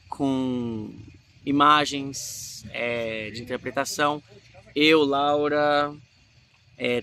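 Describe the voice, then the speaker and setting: A man from Brazil with a Brazilian Portuguese accent, giving a casual acting lesson in an animated way and showing emotions as he talks. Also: mid-range voice. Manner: animated, demonstrates emotions mid-talk. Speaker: acting teacher.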